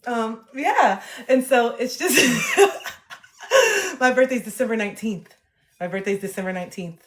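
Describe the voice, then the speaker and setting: A woman's voice: a little high, a little slow. A woman in her late thirties, a livestreamer chatting casually and animatedly with her viewers. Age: 30s. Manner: chatty, animated, reacts to chat. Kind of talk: casual chat to a live chat. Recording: echoey room.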